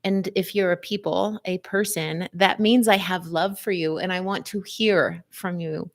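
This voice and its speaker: A woman's voice: lowish voice, fairly even intonation, a little slow. Playful woman hosting a live stream. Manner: playful, sing-song wordplay and warm direct address. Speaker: host of a live wellness stream. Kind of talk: casual live-stream talk to viewers.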